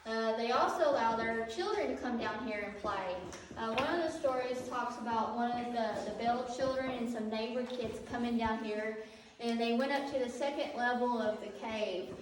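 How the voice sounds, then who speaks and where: A woman leading a cave tour, telling stories in a relaxed way, her voice echoing in the cave. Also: on the high side, normal speed. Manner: relaxed, filler-heavy storytelling. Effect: cave echo. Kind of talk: guided tour storytelling. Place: inside a cave. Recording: echoey cave, distant mic, faint hiss.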